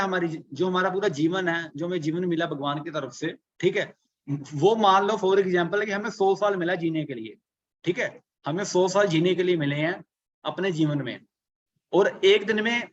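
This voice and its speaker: A man with a fairly high voice leads a live online workshop on productivity. He keeps asking his audience rhetorical questions and walks through arithmetic one step at a time. The webinar audio sounds dull and lo-fi. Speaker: online business coach.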